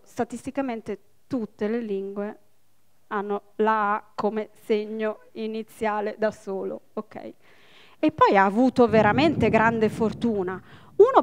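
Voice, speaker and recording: A woman in her forties, a linguist giving a public lecture, explaining step by step with quick asides to the audience. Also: fairly high pitch. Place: public library event hall.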